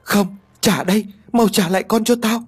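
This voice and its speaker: A man's voice: medium pitch, sing-song, moderate pace, breathy edge. A male narrator voicing a grieving young woman who seems possessed, with desperate, pleading cries.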